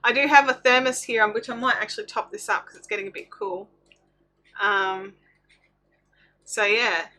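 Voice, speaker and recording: A woman's voice: medium pitch, steady tone, moderate pace, long pauses, bright, forceful tone. A woman hosting a casual craft livestream, chatting informally and thinking aloud in a scattered, self-interrupting way.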